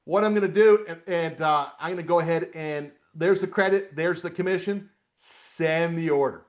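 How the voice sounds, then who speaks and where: A man's voice: on the high side, normal speed. A middle-aged man coaching a live webcast lesson on options trading, chatty with folksy asides. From upstate New York, US. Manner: chatty, lively, folksy asides while walking through a trading screen.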